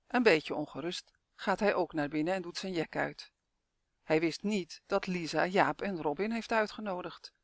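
Expressive storybook narrator, dry sound. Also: medium pitch, dry recording. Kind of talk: reading a children's story aloud.

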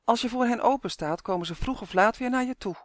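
A reader voicing a kind, wise old woman in an audiobook, speaking gently and reassuringly. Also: medium pitch, quick pace, dry recording, clean studio sound, pitched above the performer's own voice, natural voice. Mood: gentle. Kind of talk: audiobook character voice.

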